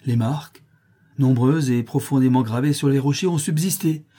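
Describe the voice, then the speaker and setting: A man voicing an old Mexican nurse woman, speaking gently and persistently. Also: mid-range voice, normal speed, close to an everyday voice. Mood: earnest.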